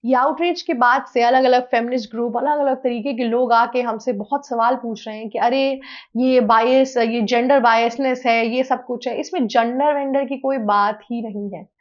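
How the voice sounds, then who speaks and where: A woman's voice: on the high side, steady tone, normal speed. A woman presenting opinion commentary for a news channel, arguing earnestly and asking rhetorical questions. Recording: slightly dull lo-fi sound.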